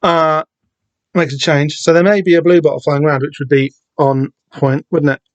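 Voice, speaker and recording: A man's fairly high voice barely moves in pitch as he speaks at a normal speed, hosting a rambling solo comic book podcast packed with fillers and corrections of himself. The recording from his home room, door open on a summer day, has no echo and the highs cut off.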